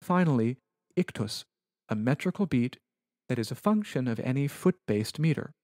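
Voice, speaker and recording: A man giving a recorded Latin lecture over slides, explaining rules in a measured, precise manner. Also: medium pitch, animated, darkish tone, no room sound, studio quality.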